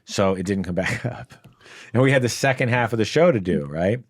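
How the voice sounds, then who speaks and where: Podcast guest: man, lowish voice, dry close sound, rambling storyteller. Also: lively intonation, fairly quick, dry recording. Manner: rambling anecdotes with fillers and laughs. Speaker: guest comedian. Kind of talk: casual storytelling. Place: podcast studio.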